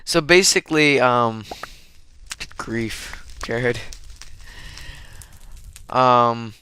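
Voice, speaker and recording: A man's voice: mid-range voice, very slow, pushed and bright, clear, resonant tone. A young man co-hosting a casual philosophy chat, hesitant and full of ums and restarts. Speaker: co-host.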